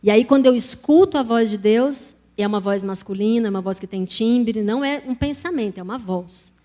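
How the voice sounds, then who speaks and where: A woman's voice: on the high side, a little fast, dark tone. A Brazilian woman preaching in Portuguese to a congregation, telling her own testimony in a conversational way and speaking to them directly. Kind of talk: sermon with personal testimony.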